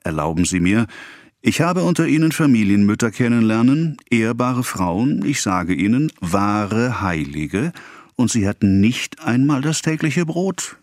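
A man's voice: fairly low pitch, very animated, a little slow, darkish tone, no echo, pitched above the performer's own voice. Anguished young wife, as a male reader puts her on, pleading, voice lifted well above his own, audiobook, dry sound.

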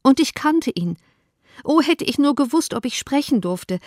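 A woman's voice: sits high, expressive, normal speed, darkish tone, no room sound, studio quality, pitched above the performer's own voice. A woman reading an audiobook, voicing a distraught, tearful young woman with a raised, pleading voice. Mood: anguished.

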